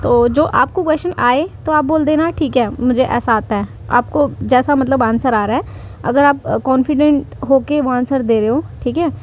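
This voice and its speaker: Young woman chatting to her viewers, kinda high voice, reassuring, slight hiss behind. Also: normal speed. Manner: chatty, reassuring, mixing in English phrases. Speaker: vlogger sharing interview experience. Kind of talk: casual chat.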